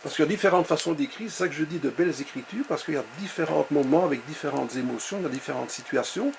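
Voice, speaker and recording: A man interviewing an author in a measured, admiring way. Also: on the high side, creaky. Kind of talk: interview conversation. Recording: noisy background.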